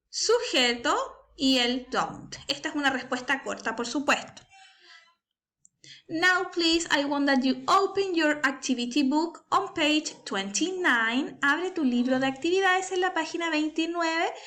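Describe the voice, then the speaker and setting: In a high-pitched, sharp voice, a woman guides young pupils through an online English class one step at a time. She stays patient throughout, regularly asking "¿cierto?" and "¿ya?" to confirm they're keeping up.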